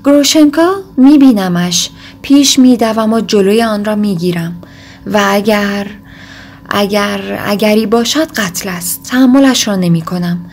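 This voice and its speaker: A woman's voice: mid-range voice, darkish tone, a little hiss or hum, natural voice. A woman reading a brooding desperate young man. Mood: intense. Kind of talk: audiobook reading.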